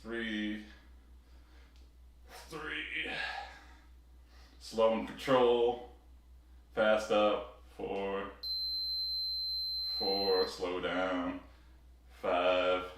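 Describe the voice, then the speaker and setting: A man's voice: on the low side, fairly even intonation, extremely slow, long pauses, a little hiss or hum. A man in a big echoey room, talking casually through a workout and coaching himself as he counts his reps on a clip-on mic. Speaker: fitness streamer. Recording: echoey room, heard from a distance.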